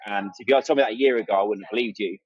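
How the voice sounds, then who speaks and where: A man's lowish voice races along as he chats casually and enthusiastically as a podcast guest, acting out exchanges he recalls. He's an amateur runner and content creator, and the audio is dull with no room sound.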